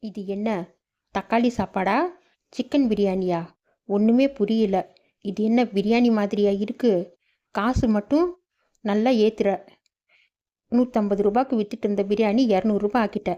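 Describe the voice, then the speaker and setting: A woman's voice: mid-range voice, fairly even intonation, moderate pace, long pauses, dark tone, dull audio, close to an everyday voice. A woman voicing an angry woman customer who complains and scolds. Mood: annoyed.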